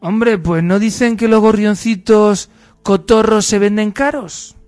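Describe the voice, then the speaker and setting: A quick-witted male slave full of dry, mocking comebacks, as a man reading aloud puts him on. The voice sits fairly high and sounds close and dry, with an unflappable, cheeky manner. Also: a little mellow, no room sound. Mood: defiant.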